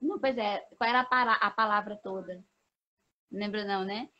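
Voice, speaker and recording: A woman's voice: medium pitch, fairly even intonation, fairly quick, sharp tone. A woman pedagogue chatting in an interview, explaining patiently and ending many phrases with a questioning tag. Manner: explanatory, many "né?" tags and restarts. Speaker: pedagogue guest. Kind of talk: casual interview chat. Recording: dull lo-fi sound.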